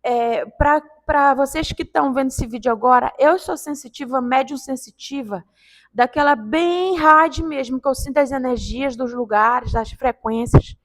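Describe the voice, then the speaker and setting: A woman in her fifties talks straight to her viewers in an excitable, storytelling rush. Her voice sits high, and she punctuates the tale with sharp little exclamations. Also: measured pace. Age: 50s. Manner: animated and excitable, with sound-effect interjections. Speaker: vlogger telling a paranormal story. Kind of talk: casual storytelling to camera.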